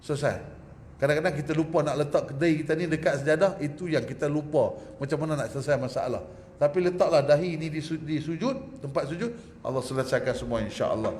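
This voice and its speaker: A preacher gives a lively lecture and keeps asking his listeners to agree. His voice sits fairly high and he talks at a brisk clip. The recording carries a long, roomy hall reverb over a faint background hum. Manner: lively and joking, often asks the audience to agree. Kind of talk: religious lecture ending in a prayer. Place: mosque prayer hall.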